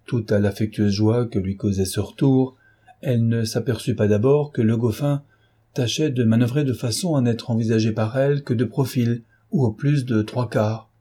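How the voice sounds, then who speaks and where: A man reading a classic novel aloud as an audiobook narrator, in a steady, measured manner. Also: medium pitch, slightly rough.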